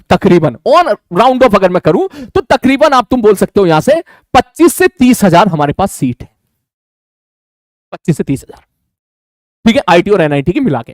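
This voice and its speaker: A man teaching a live online class, talking fast and repeating his phrases with frequent checks for understanding. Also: sits high, big pitch swings, no echo, studio quality.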